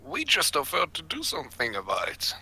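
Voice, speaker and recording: A man's voice: on the high side, huge pitch swings, brisk, pushed and bright, poor audio. A man playing a tabletop game, pushy and bargaining. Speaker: player. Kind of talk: casual tabletop game play.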